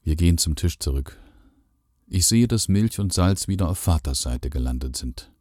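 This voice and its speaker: A man reads a first-person story aloud with a calm, measured delivery. His voice sits very low and sounds dark and mellow. The recording is dry and close, with no room sound. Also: no echo. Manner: calm, measured storytelling with lively quoted lines. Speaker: narrator. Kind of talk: literary reading, first person.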